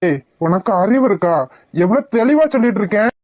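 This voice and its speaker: A woman's voice: medium pitch, expressive, fast talker, a little mellow, dry recording, clean studio sound, lightly acted. A woman voicing a playful, blunt young village man in a cartoon, with a brusque, teasing delivery. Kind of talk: cartoon voice acting.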